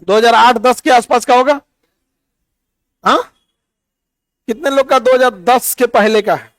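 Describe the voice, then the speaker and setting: High-pitched man teaching a lively class. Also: unhurried, no room sound. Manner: teasing, quizzes students by name. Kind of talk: classroom physics lesson.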